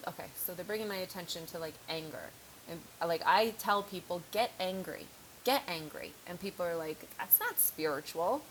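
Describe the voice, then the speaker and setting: A woman's voice: on the low side, slight background noise, low-quality recording. A woman reading tarot cards in a casual, frank way, thinking aloud, with a slightly sore throat. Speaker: tarot reader.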